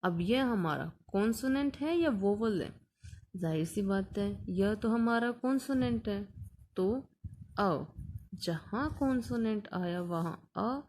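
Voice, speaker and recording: A woman's voice: medium pitch, a little mellow. A woman teacher explaining an English grammar lesson patiently, asking questions and answering them herself.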